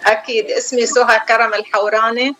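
A middle-aged woman with a Lebanese accent, a chef speaking over the phone as a guest on a call-in interview, telling her story calmly and without hurry. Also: a little high, fast talker, over music. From southern Lebanon. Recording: dull phone line.

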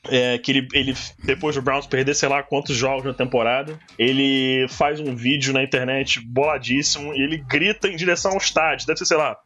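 A man's voice: mid-range voice, steady tone, fairly quick, hardly any pauses, pushed and bright, muffled recording. A man with a Brazilian accent, co-hosting a podcast in casual, slangy talk and repeating phrases for emphasis. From Brazil, born in Rio de Janeiro, raised in southern California from three to eleven. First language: Portuguese, schooled and literate first in English. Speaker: podcast co-host.

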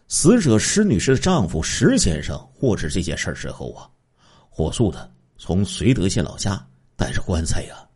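A man's voice: deep voice, a little mellow, slightly rough. A man telling a true crime story in a casual spoken style, stretching out sentence-final particles.

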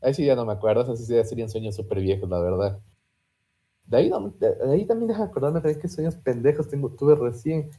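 A man's voice: medium pitch, lively intonation, quick pace, dark tone. A young man, co-hosting a podcast and chatting loosely with plenty of swearing. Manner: swears freely, recounts dreams. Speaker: podcast co-host. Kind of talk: casual chat.

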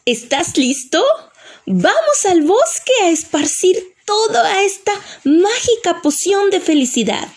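A woman's voice: very high voice, sing-song, slow, pitched above the performer's own voice, heavily acted. A woman voicing a kind, beautiful female fairy who speaks sweetly and encouragingly in a children's audio story. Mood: cheerful.

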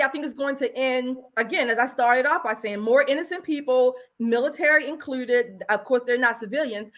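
A woman on a political debate panel, speaking firmly and deliberately and restating her point. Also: sits high, a bit bright.

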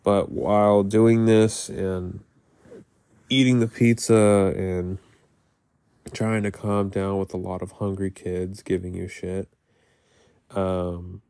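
A man with a gravelly, phlegmy voice, congested from being sick, talking casually about his life in a halting, rambling way. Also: low voice, flat delivery, warm tone. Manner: halting, rambling, heavy use of "like"; casual swearing. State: sick, congested with mucus in throat. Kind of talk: casual personal diary-style talk.

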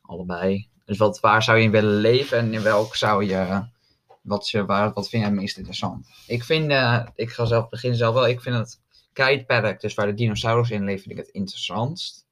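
Young man, low voice, casual chat, halting, many fillers. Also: a bit bright. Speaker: podcast co-host.

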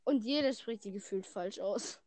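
A woman's voice: medium pitch, moderate pace, a little mellow, dry recording. A teenage girl chatting playfully in a casual dare game, giggling often.

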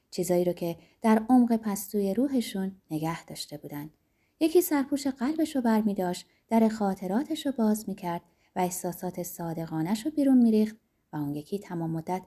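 A woman narrating a novel in a soft, quiet, unhurried reading voice that drops low at the ends of phrases. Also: slightly rough. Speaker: audiobook narrator. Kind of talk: scripted narration.

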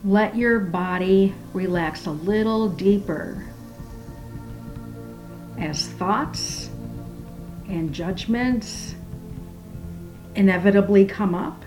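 A woman leads a guided meditation and prayer in a soft, hushed, soothing voice that trails into a near-whisper. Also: medium pitch, drawn-out words, long pauses, faint music behind.

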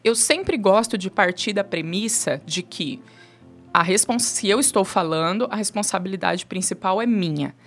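A woman's voice: mid-range voice, normal speed, faint music behind. A woman in her thirties with a Brazilian accent, a guest explaining communication on a talk show and acting out quoted lines. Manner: animated, acts out quoted speech. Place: studio talk show with three people.

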